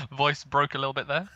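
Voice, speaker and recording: Bright-voiced joking young man. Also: on the high side, muffled recording. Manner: joking, giggly, sarcastic. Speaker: gaming commentator. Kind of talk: casual gameplay chat. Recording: faint background noise.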